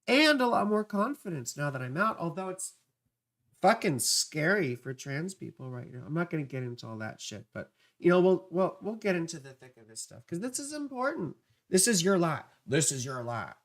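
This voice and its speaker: Creaky vocal fry, casual livestream astrology host. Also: medium pitch, sing-song, a little fast. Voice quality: vocal fry, dry parched voice. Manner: playful, scattered, self-interrupting, with affectionate asides. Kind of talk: casual rambling livestream chat with viewers.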